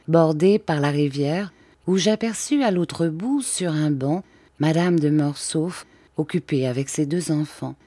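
A woman narrating a classic novel in a measured, literary reading style. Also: low voice, warm tone, dry recording. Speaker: audiobook narrator.

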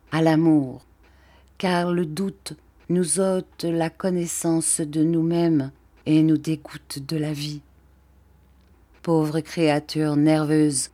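Brief: a woman narrator, measured and earnest, with a mellow, dark tone. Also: low-pitched, no echo. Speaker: audiobook narrator. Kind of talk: audiobook reading.

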